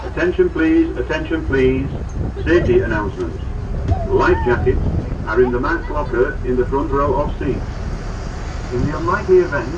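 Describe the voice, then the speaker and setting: A man reading a formal scripted safety announcement over a PA loudspeaker on a boat, with measured, repetitive instructions. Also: mid-range voice. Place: outdoors on a boat. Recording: muffled distant loudspeaker, loud outdoor noise.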